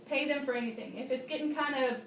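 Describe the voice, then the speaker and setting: Laughing often, a woman talks fast in a high-pitched voice as she leads a chatty, bubbly Tupperware party training demonstration for a few guests in a room. It's picked up by a distant mic, so it sounds roomy, with slight hiss or hum.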